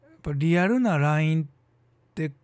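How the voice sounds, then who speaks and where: A middle-aged man with a Kansai accent chats on his own show in a slightly high voice, musing aloud with quick asides and drawn-out pauses. The sound is close and dry, with no room around it. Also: lively intonation, a little mellow, no echo. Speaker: theater troupe leader and podcast host. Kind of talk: casual solo radio talk.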